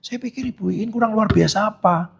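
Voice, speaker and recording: A male pastor giving a sermon in an animated, conversational way, with many tag phrases. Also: high-pitched, a little fast, creaky, breathy edge.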